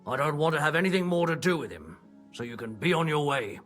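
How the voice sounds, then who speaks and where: A male actor playing a wary, gruff medieval stableman in a video game, grudgingly helpful, with blunt, folksy rustic phrasing. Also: fairly high pitch, big pitch swings, fast talker, a bit bright, faint music behind. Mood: curt, hostile.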